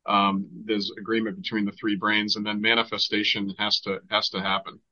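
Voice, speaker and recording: A man's voice: on the low side, flat delivery, a little fast, sharp tone, dull audio. A man from Boston with a Boston accent, a Reiki healer talking casually and enthusiastically as a podcast guest. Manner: enthusiastic, chatty, restarts often. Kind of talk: casual conversation.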